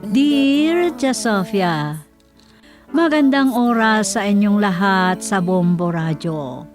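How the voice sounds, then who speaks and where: A woman radio host reading a letter aloud as dramatic scripted narration. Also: medium pitch. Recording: music under the voice. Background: music.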